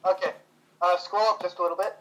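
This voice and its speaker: A woman's voice: fairly low pitch, steady tone, fast, slight background noise, low-quality recording. A woman chatting casually with a friend and reading a story aloud, dry and reluctant, easily spooked by scary tales. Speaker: co-host friend.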